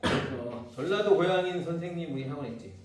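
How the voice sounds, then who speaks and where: A man's voice: on the high side, fairly quick. A middle-aged man from Seoul lecturing a class as a cram school literature teacher, casual and teasing, often checking in with "right?". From Seoul, South Korea. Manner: casual and chatty, teasing, keeps asking "right?". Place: large classroom. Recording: echoey classroom from far off, faint noise.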